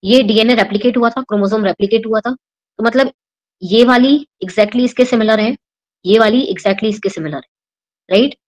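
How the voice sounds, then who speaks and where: A woman's voice: fairly high pitch, moderate pace, poor audio. A young Indian woman teaching a biology exam-prep lesson, explaining step by step and checking in with her students after each point. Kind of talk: exam-prep lesson, mixing Hindi and English.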